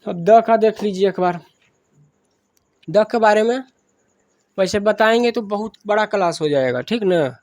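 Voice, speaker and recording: A woman's voice: mid-range voice, unhurried, long pauses, darkish tone, no echo, studio quality. A woman with a Bihari accent teaching a grammar lesson, asking questions and answering them herself, repeating each point.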